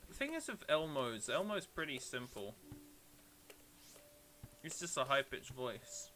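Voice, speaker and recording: Bright-voiced British man chatting on stream. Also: mid-range voice, big pitch swings, unhurried. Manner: rambling and self-deprecating, with frequent laughs. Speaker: game streamer. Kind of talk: casual live-stream chat, answering viewers.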